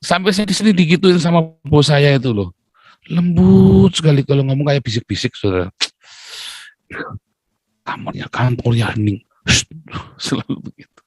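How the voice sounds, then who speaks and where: A man preaching a sermon in a lively, joking way, often calling his listeners brothers and sisters. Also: fairly high pitch, moderate pace, long pauses, dry recording.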